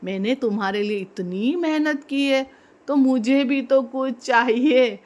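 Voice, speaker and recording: A woman's voice: sits high, measured pace, darkish tone, highs cut off. A woman voicing a sly, greedy male monkey who tricks two cats, in a smug, coaxing storybook voice.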